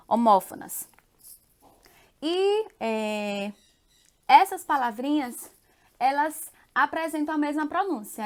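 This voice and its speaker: A woman from Brazil gives a remote lesson in a high, bright-toned voice. She speaks slowly and patiently, checking in with her students again and again. She repeats each example word carefully, so every one comes through clearly. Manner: warm, affectionate, frequent tag questions. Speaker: teacher.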